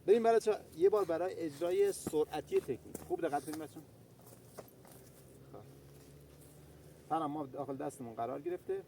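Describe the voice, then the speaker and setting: A man's voice: a little high, vocal fry, a little hiss or hum. A man teaching a self-defense lesson, counting out each step as he demonstrates and calling out to his viewers. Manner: energetic, counts out steps as he demonstrates; chatty, keeps calling out to viewers. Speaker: martial arts instructor.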